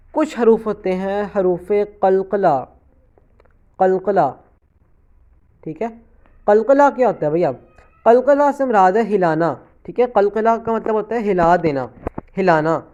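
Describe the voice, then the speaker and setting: A man's voice: sits high, dull audio. A man teaching beginner students Quran reading in a recorded lesson, patiently repeating points, asking questions and answering them himself, and often checking in with an 'okay'.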